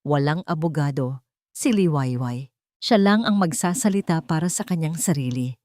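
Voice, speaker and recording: A woman narrates a scripted, dramatic romance story. Her voice is low-pitched and a little mellow, with lively intonation at a normal speed. The recording is dry and clean, with studio quality.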